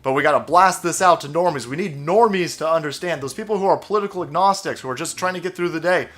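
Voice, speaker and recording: A man hosts a profane commentary rant, mocking and crude. His voice sits a bit higher than most men's. He often jumps into sarcastic put-on voices. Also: fast, fairly bright tone. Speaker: political commentary host.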